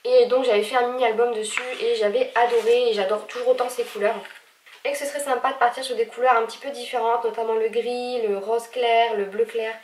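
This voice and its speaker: A woman's voice: on the high side, steady tone, fairly quick, roomy sound, recorded from a distance, a little hiss or hum. A woman with a stuffy, nasal voice, chatting casually about her recent purchases with frequent hesitations. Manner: chatty, many hesitations, gushing. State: stuffy nose, speaking with effort. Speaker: vlogger. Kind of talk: casual haul video.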